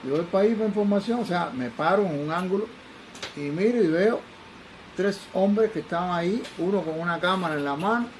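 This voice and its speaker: A man's voice: sits high, brisk, a little hiss or hum, rough recording. An older man with a Cuban accent, a forensic toxicologist telling his own stories with animation and acting out the people he quotes. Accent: Cuban Spanish. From Cuba. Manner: acts out the voices of people he quotes. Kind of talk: animated personal storytelling.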